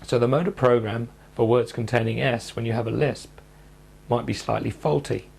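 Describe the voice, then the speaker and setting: A man calmly guiding listeners through speech therapy exercises in a measured instructional narration. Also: medium pitch, vocal fry, husky. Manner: calm, measured, step-by-step coaching.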